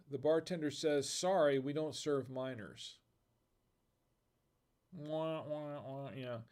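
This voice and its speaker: An American man with a mid-range, darkish voice hosts a laid-back live stream. He tells corny bar jokes, chuckles at his own dad jokes, and reads viewer comments from the chat out loud.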